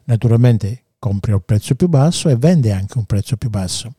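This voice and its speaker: A man's voice: medium pitch, expressive, brisk, dark tone, breathy edge, no room sound, clean studio sound. A man with a Sicilian accent giving informative radio talk as a real estate expert.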